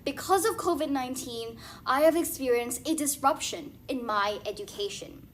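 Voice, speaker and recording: Young woman, fairly high voice, formal contest oratory, memorized and stiff, deliberate emphasis. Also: animated, slight background noise. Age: young adult. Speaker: speech contest competitor. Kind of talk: rehearsed formal contest speech.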